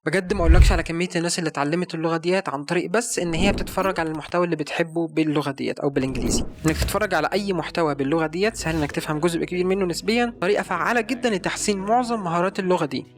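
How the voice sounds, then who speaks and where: A man's voice: on the high side, racing, few pauses, noisy background. A young adult man with an Egyptian Arabic accent, earnestly recommending learning resources in a casual advice video. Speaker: language-learning YouTuber.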